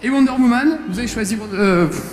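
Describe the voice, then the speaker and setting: A high-voiced man emceeing a game contest at a convention, full of jokes and crowd-rousing. His voice rings through an echoey hall over loud music from a handheld mic. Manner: playful, teasing, quick to joke and cheer on the crowd. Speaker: stage host of a fighting-game contest. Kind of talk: live event emceeing. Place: convention stage before an audience. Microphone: handheld stage mic.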